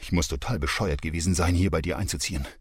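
Haggard mother, clipped and cold, slightly raised husky voice, as a male narrator puts her on. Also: low voice, fast, no room sound, clean studio sound. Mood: urgent. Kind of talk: audiobook character voice.

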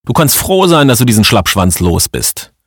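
A man voicing a coarse, blustering middle-aged village man who mocks loudly in a husky voice. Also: deep voice, normal speed, no echo, clean studio sound. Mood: scornful. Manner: blustering, mocking, raised voice.

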